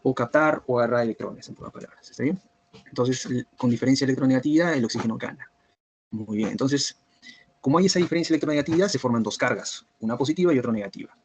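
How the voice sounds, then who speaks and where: A man teaching a biochemistry review class online, who keeps checking whether students follow by asking if everything is clear. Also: mid-range voice, fast talker, darkish tone, a little hiss or hum. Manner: repetitive, checks understanding with "¿está bien?" and "¿cierto?".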